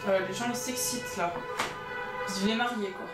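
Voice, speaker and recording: A woman's voice: medium pitch, fairly even intonation, normal speed, over loud music. A young woman narrating a casual makeup tutorial as a vlogger, chatty and joking at her own expense. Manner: chatty, with frequent "donc" and light self-mocking asides. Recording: roomy sound with faint background noise.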